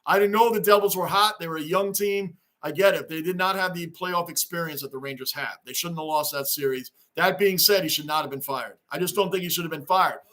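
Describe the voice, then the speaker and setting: A man hosting a casual sports livestream, chatting excitedly and shouting greetings as he reads viewer comments. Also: fairly high pitch, a little fast, hardly any pauses. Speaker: livestream host. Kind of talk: casual livestream chat reading fan comments.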